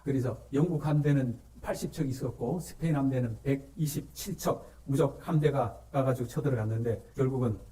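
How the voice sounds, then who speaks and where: Korean pastor preaching with call-and-response questions. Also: male voice, medium pitch, warm tone, distant mic. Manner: repeats key words for emphasis. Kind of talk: sermon.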